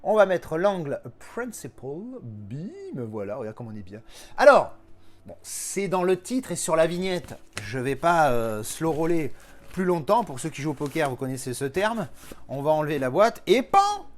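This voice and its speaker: Animated man chatting through an unboxing. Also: fairly high pitch, normal speed. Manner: jokey, animated, casually swearing; talks while handling and opening packaging. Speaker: collector unboxing a film edition. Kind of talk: casual unboxing vlog.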